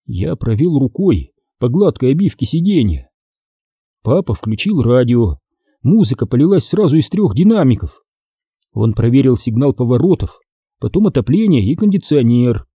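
A man narrating a story in a steady, even audiobook reading. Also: mid-range voice, moderate pace, husky, no room sound.

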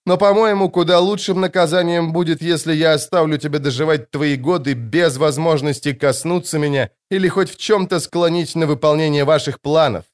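A defiant young male leader, acted by a man reading an audiobook speaks in a raised, forceful, declaiming voice. His tone sits fairly high for a man and carries cold command. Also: steady tone, brisk, few pauses, lightly acted.

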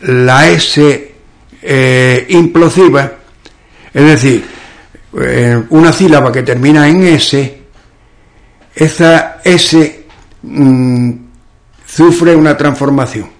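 A man from Ubrique in southern Spain with a western Andalusian accent, explaining local speech in an interview and often pausing to search for examples. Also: mid-range voice. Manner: slow and explanatory, often pauses with "¿qué digo yo?". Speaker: author and local dialect expert.

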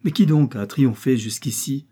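A man's voice: medium pitch, normal speed, warm tone, breathy edge. A man reading as a despairing young knight. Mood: anguished. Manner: impassioned pleading declamation. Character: desperate young nobleman, lovesick knight.

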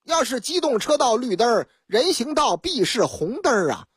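A woman radio host from Liaoning tells news stories in a chatty, colloquial way and acts out each scene dramatically. Her voice is husky and a bit high, with a lively, wide pitch range, recorded dry and close in a studio. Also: normal speed, dry recording. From Liaoning, China. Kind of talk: storytelling news commentary.

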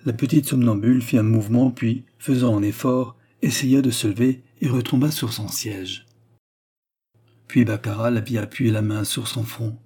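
A man reading a classic novel aloud as audiobook narration, in a measured literary manner. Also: mid-range voice, fairly even intonation, warm tone, slightly rough.

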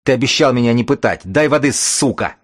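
A man's voice: low-pitched, fairly quick. A man voicing a vicious, wounded male raider chief who snarls and swears with spite. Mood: desperate.

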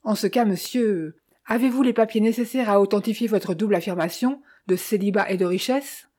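A woman's voice: medium pitch, brisk, dark tone, natural voice. Suave English clergyman, read by a woman. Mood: gracious. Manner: smiling, gracious tone. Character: genial English male clergyman, suave landlord.

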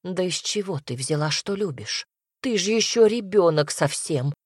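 A woman voicing a worried mother who frets and laments softly. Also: fairly low pitch, expressive, moderate pace, slightly rough, no room sound, studio quality. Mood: fretful. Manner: fretful, lamenting, hushed.

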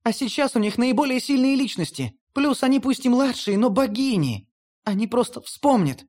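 A reader voicing a proud, haughty female goddess of death in an audiobook, speaking high and pleading. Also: animated, moderate pace, a little mellow, natural voice. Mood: insistent. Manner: lofty, pleading, high-pitched.

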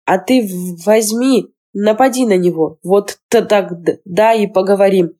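A shaken teenage boy, voiced by a woman narrator, stammers heavily, dragging out slow, broken words. His voice is mellow and dark, in a fantasy storybook reading. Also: mid-range voice, lightly acted. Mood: shaken, halting. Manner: heavy stutter, slow and halting.

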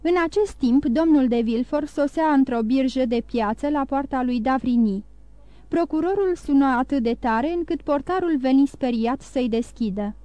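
High-voiced woman reading an audiobook. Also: warm tone, no room sound. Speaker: audiobook narrator. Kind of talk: audiobook narration.

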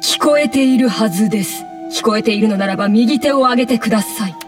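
女性声優が演じる、思い込みが激しく強引な十代の女子部長。厳かな語りと大げさな叫びを行き来するアニメの芝居。. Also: female voice, a little high, fast talker, recorded from a distance, over music, lightly acted. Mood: solemn, probing. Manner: solemn intoning that breaks into loud, indignant outbursts. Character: bossy, excitable teenage girl club president, obsessed with telepathy. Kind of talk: anime voice acting.

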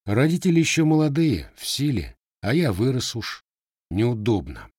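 A man's voice: mid-range voice, huge pitch swings, moderate pace, a little mellow, breathy edge, dry recording, clean studio sound, pitched above the performer's own voice. A man voicing a guarded, scarred young Cossack with plain, blunt village speech.

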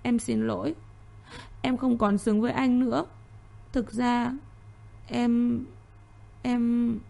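A woman voicing a tearful, pleading young woman in an audio story, with a mellow voice and a slightly raised pitch. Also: brisk, natural voice.

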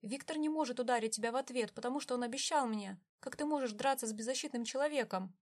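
A woman's voice: a little high, quick pace, close to an everyday voice. A woman voicing a desperate young woman who pleads through tears and then stands firm in her choice. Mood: pleading. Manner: pleading, tearful.

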